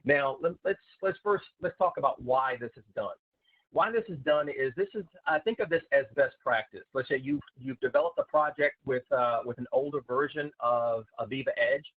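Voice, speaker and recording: A man giving a software webinar as a systems consultant, halting with many filler sounds, his voice heard through a recorded online meeting. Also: mid-range voice, breathy edge, no room sound. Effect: voice heard through a recorded online meeting's screen-share session. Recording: tinny, dry online-call audio.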